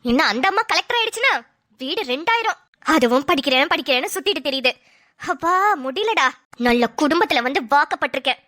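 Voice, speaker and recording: A woman voicing a sharp-tongued young wife in a cartoon, grumbling and sarcastic. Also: high voice, expressive, fast. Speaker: cartoon voice actor. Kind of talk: cartoon voice acting.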